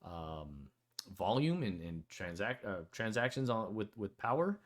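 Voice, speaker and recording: A man's voice: lowish voice, very animated, unhurried. A man hosting a casual online voice chat, talking loosely with many fillers and restarts. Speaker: host of a community AMA.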